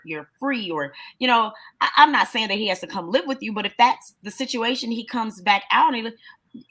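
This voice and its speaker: A woman in a casual talk show, making emphatic points and asking pointed questions. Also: mid-range voice. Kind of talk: casual chat.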